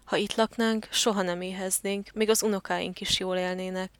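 Woman voicing a devoted male turtle dove, earnest, soft-spoken, flat even delivery, dry close sound, storybook. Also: mid-range voice, clean tone, no echo, natural voice.

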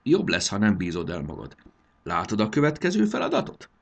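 A man's voice: fairly low pitch, huge pitch swings, creaky, husky, lo-fi sound, exaggerated voice. A man voicing a tiny fairy girl who pouts, teases and coaxes her friend. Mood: teasing, coaxing. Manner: pouting and teasing. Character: tiny cheeky fairy girl, eager and teasing.

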